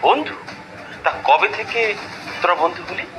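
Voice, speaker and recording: Guy acting as a sarcastic middle-aged dad, high lively voice, music going. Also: normal speed, poor audio. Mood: scolding. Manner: mocking, quarrelsome. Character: sharp-tongued middle-aged father, quarrelsome. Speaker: actor. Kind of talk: comic drama acting. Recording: dialogue over loud background music.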